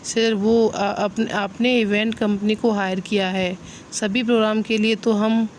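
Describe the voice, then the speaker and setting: A woman's voice: mid-range voice, flat delivery, measured pace, a little hiss or hum, lightly acted. A woman voicing a shy, hesitant young bride-to-be in a storybook reading. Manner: hesitant, soft-spoken.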